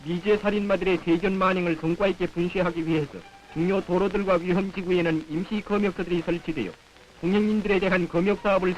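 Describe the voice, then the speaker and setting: High-pitched North Korean male newsreel announcer. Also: poor audio. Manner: solemn, declamatory. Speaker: newsreel narrator. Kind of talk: scripted 1950s propaganda newsreel narration. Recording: old 1950s film soundtrack.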